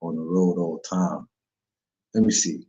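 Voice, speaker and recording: A man's voice: low-pitched, a little slow, mellow. A man hosting a casual solo sports betting talk show, rambling in slang and often correcting himself. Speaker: sports betting podcast host. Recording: dull lo-fi recording.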